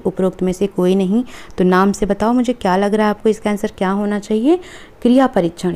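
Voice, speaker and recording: Woman teacher w/ going over quiz questions, warm low-key voice, keeps asking if it's clear. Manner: reads multiple-choice options aloud, checks in with "ठीक है". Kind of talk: exam question review lesson.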